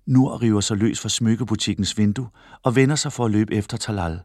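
A man narrating a children's book in an expressive storytelling manner. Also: lowish voice, no room sound, studio quality. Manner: expressive storytelling, voices the characters. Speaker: audiobook narrator.

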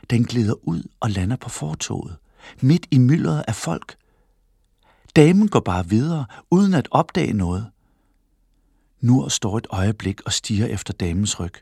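A man narrating a children's book in an expressive storytelling manner. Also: mid-range voice, no echo, clean studio sound. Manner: expressive storytelling, voices the characters. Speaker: audiobook narrator.

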